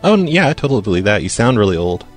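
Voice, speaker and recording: A man in his forties making a prank phone call, teasing in a deadpan way. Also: lowish voice, racing, soft background music. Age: 40s. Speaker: prank caller.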